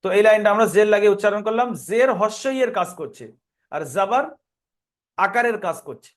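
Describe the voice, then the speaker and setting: High-voiced man teaching slow careful recitation. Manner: slow, patient spelling out letter by letter; repeats rules in a steady chant. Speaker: Quran reading teacher. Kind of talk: recorded online lesson.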